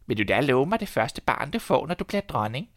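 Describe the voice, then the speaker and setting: A man's voice: mid-range voice, sing-song, fairly bright tone, no room sound, clean studio sound, voice pushed up. A man voicing a tiny, crafty male imp in a storybook reading, asking sly, wheedling questions.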